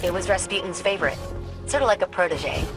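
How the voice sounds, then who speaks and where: An actress with a fairly low voice speaks quickly and with light acting as a confident, wisecracking female tech expert in scripted video game dialogue. She sounds focused and wry, casual and quippy, with music playing behind her.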